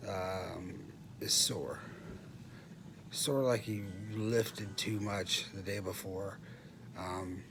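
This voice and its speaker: A middle-aged man with a fairly low voice speaks over clear background noise in a room. His delivery is casual, subdued and halting, like a patient recording an informal update, with frequent throat clearing. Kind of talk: casual vlog monologue. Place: hospital room. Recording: clearly noisy room ambience.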